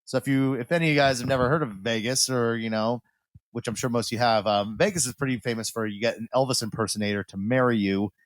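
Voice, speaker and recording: A man co-hosting a podcast in a loose, informal style. He rambles through casual banter and swears freely. His voice is mid-pitched and recorded close and dry. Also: steady tone, quick pace, no room sound. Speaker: podcast host.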